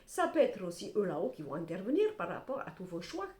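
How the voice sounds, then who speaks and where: A woman's voice: mid-range voice, a little fast. A middle-aged woman gives a tarot reading to camera in a blunt, salty, chatty way. Her voice swoops up and down a lot. It sounds roomy and echoey, as if she is recording in a bare room at home. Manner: animated, blunt and salty, with repeated "hein" and "voilà". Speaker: tarot card reader.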